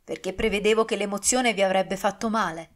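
A woman's voice: mid-range voice, fairly even intonation, a little fast, lightly acted. A domineering nobleman, as a woman narrator reads him, speaks in clipped, harsh commands. He sounds cold and sure of his power in this audiobook reading.

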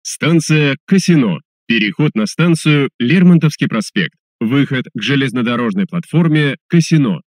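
A man's voice: mid-range voice, expressive, no room sound. Dry, formal male subway announcer. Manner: formal, measured, clearly enunciated. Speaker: metro train announcer.

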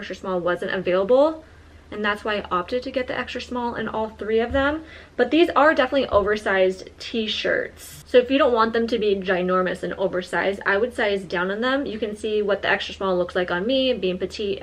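A woman's voice: mid-range voice, a bit bright. Chatty young woman vlogging a haul. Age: young adult. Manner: chatty, frequent "like" fillers, friendly address to viewers. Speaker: lifestyle vlogger. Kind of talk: casual try-on haul chat. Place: small modern apartment indoors.

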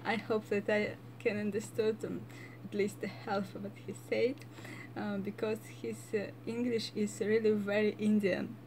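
A woman's voice: medium pitch, level tone, normal speed, hardly any pauses, low-quality recording. A woman with a Russian accent giving casual commentary, hesitant and thoughtful, with frequent fillers. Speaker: reaction channel host.

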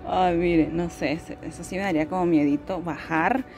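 A woman's voice: fairly low pitch, steady tone, fairly quick, darkish tone, soft background music. A woman vlogging as she tours an outdoor cemetery, chatty and exclamatory, wondering aloud about what she sees. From Venezuela. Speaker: travel vlogger. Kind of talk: casual tour commentary.

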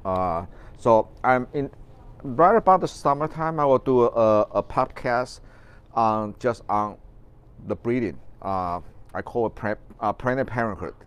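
In a large greenhouse, a middle-aged Taiwanese man who grows orchids and hosts a show chats casually on a live stream, speaking with a Taiwanese accent. His medium-pitched voice is smooth with lively intonation and a measured pace, and he rambles with many fillers and restarts.

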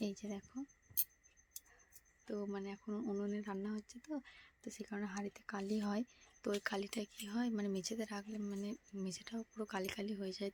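A young woman speaking in a hushed, whispered vlog voice at home so her sleeping child won't wake, in whispered role-play style. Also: medium pitch, slight background noise. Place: home, indoors at night.

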